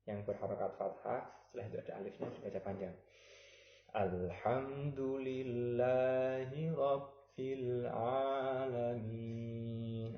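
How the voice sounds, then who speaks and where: A man teaching Quran recitation, explaining patiently and chanting example verses slowly. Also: lowish voice, creaky. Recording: roomy, slightly dull recording.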